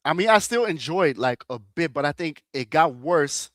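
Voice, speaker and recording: A man's voice: on the high side, animated, moderate pace, fairly bright tone, no echo. Easygoing man in his thirties, dry sound. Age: 30s. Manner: easygoing, agreeable, uses slang. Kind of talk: casual sports chat.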